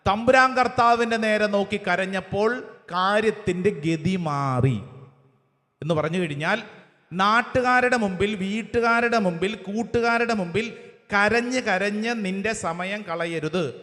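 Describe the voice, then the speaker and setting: High-voiced priest preaching in a reverberant hall. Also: male voice, normal speed, fairly bright tone. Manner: leads listeners in repeating verses phrase by phrase; cites verses with English chapter numbers. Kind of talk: sermon with call-and-response.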